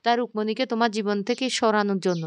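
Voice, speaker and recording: A woman's voice: medium pitch, steady tone, fast talker, clean tone, no echo, lightly acted. A woman voicing a scheming young woman who coaxes and then argues defensively. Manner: coaxing, then defensive and indignant.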